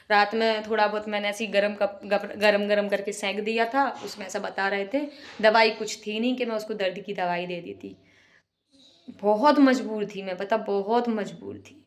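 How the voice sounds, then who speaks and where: Young mother venting on a home vlog; emotional, subdued delivery, slightly high voice, kitchen setting. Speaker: vlogger, single mother. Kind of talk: casual vlog monologue.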